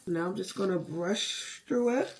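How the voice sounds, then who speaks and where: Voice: medium pitch, a little slow. A beauty vlogger chatting casually through a hair tutorial at home, with sassy, playful, self-hyping slang. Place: indoors at home. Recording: noticeable background noise, clicks.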